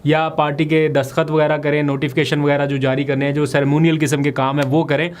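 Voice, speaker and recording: A man's voice: fairly high pitch, little pitch movement. Man giving political analysis. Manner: brisk, explanatory, analytical. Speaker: political vlogger. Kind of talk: political commentary vlog.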